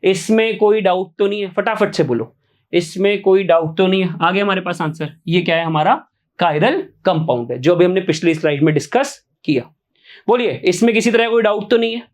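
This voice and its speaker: A man's voice: sits high, fairly quick. A man teaching chemistry online, repeating each question to his students and answering it himself, often asking yes or no. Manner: coaxing, keeps asking yes or no. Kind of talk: online exam-prep lecture.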